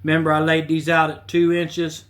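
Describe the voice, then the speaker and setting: A man's voice: fairly high pitch, normal speed, a little hiss or hum. Plainspoken man in a woodshop. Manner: plainspoken, repeats himself, relaxed restarts. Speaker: woodworking channel host. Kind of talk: casual workshop demonstration. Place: home woodworking shop.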